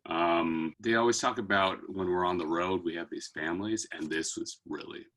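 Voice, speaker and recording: A man's voice: low-pitched, normal speed, a bit bright, low-quality recording. A man in his mid thirties, a guest on a casual video call, speaking earnestly and hesitantly with many fillers. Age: 30s. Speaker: guest singer.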